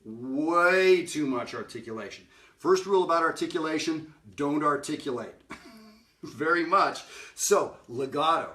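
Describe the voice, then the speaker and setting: A man's voice: on the high side, unhurried, sharp tone, recorded from a distance, soft background music. A middle-aged man giving a casual jazz lesson, talking conversationally, singing note examples and often asking "right?". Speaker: jazz educator. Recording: roomy sound from off-mic.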